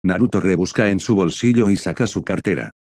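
A man narrating a fan fiction story in an even, matter-of-fact reading. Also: low voice, brisk, no echo, studio quality.

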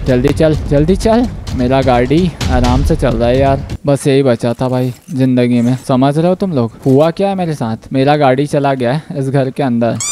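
A man giving playful, jokey gameplay commentary as a gaming channel host, with sudden bursts of yelling. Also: on the high side, slight background noise.

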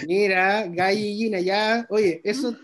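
A man's voice: sits high, fairly even intonation, takes it slowly. Enthusiastic man teaching online. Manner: warm, enthusiastic praise with many restarts. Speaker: illustration workshop teacher. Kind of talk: online workshop, reviewing students' drawings.

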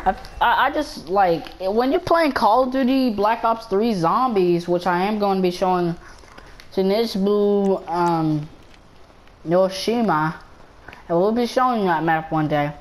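A woman giving casual gameplay commentary, excitable and rambling, often stumbling and repeating her words. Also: mid-range voice, a little slow, slight background noise, low-quality recording.

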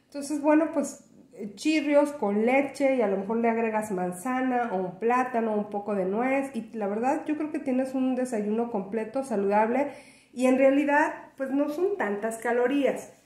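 A woman's voice: a little high, normal speed, darkish tone, echoey room. A woman chatting casually in a product review vlog, friendly and full of fillers. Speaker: vlogger reviewing a cereal.

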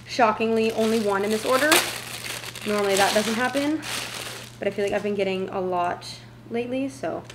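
Her voice a little high, a vlogger in her twenties talks casually to camera during a try-on haul, chatty and slangy. The open-plan kitchen and living area gives an echoey sound, captured by a camera mic a few feet off amid noticeable background noise.

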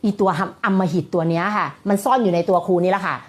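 A woman's voice: lowish voice, fairly even intonation, fast. A woman giving a motivational talk as a coach, emphatic and blunt with coarse slang.

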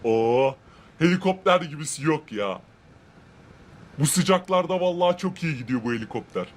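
A man playing an arrogant rich man in a Minecraft role-play, who boasts about his wealth, gloats, and shouts cruel threats. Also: a little high, lively intonation, moderate pace, slight background noise, natural voice. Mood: smug gloating.

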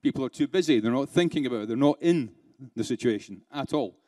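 A keynote speaker with a warm, mid-range voice talks quickly and expressively to a live conference audience. He peppers them with rhetorical questions and playful asides, laughing between points.

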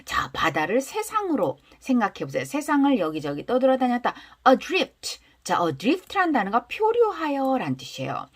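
A woman's voice: a little high, wildly swooping pitch, normal speed, few pauses. A woman teaching English through pop songs, explaining lyrics and leading the class in repeat-after-me drills.

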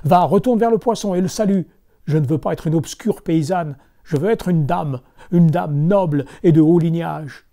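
A man voicing a greedy, scolding old peasant wife, berating loudly in a storybook reading. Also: expressive, normal speed, few pauses, natural voice. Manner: shrill, loud berating.

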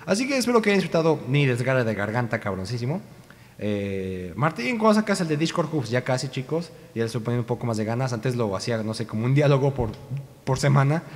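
A man's voice: mid-range voice, long reverb tail. Rambling Mexican young man. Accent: Mexican Spanish. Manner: rambling, self-correcting, chatty. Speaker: amateur voice actor. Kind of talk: casual vlog talk. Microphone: cheap home microphone.

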